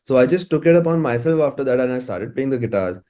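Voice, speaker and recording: An interview guest who works as a musician and music producer speaks with an Indian accent, keeping things informal and often repeating or restarting his phrases. His mid-range voice is expressive and dark-toned, and he moves at a quick pace.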